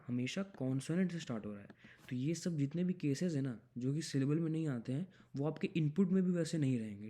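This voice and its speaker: Young male coding tutor, mellow and warm tone, patient step-by-step explainer mixing English into Hindi. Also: fairly high pitch. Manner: explains step by step, mixes English into Hindi, reads problem text aloud slowly. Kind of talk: screen-recorded coding explanation.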